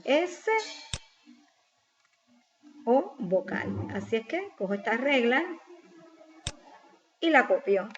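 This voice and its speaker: A woman teacher patiently explaining a spelling exercise step by step, asking questions and answering them herself. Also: medium pitch. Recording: slightly dull lo-fi recording with faint noise.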